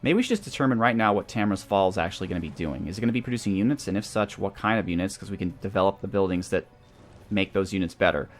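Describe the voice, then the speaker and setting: This gaming-series host talks in a low-pitched, rapid-fire voice, casually working through his choices out loud during a video game playthrough. Background music plays throughout.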